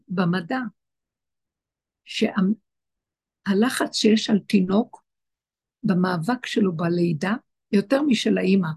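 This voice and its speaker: Very husky woman, impassioned teacher. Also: mid-range voice, a little mellow. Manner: impassioned, repetitive phrasing. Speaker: spiritual teacher. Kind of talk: Torah teaching to an online group.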